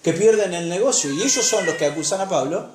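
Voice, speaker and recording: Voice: mid-range voice, lively intonation, quick pace, noisy background. Argentine preacher in an echoey church. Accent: Argentine Spanish. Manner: storytelling, asks the congregation rhetorical questions. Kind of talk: sermon.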